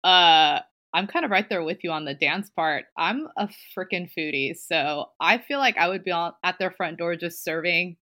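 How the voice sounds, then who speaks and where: A woman's voice: lowish voice, normal speed, pushed and bright. A woman podcast host telling a story in casual chat, chatty and giggly, full of fillers.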